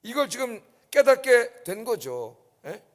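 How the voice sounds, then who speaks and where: A man's voice: very high-pitched, very animated, measured pace. A male pastor preaching an early-morning sermon, emphatic and often checking in with the congregation. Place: church sanctuary. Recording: long church reverb.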